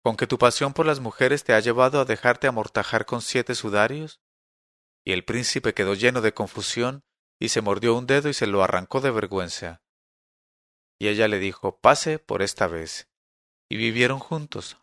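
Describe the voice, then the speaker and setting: A man reading a classic tale aloud in a calm, measured storytelling manner. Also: fairly low pitch, dry recording, clean studio sound. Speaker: narrator.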